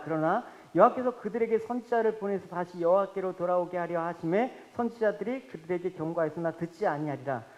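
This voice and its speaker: A man preaching a Sunday sermon as pastor, animated and often calling out to his congregation. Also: high voice. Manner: animated, addresses congregation directly. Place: church sanctuary. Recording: reverberant hall, dull lo-fi sound.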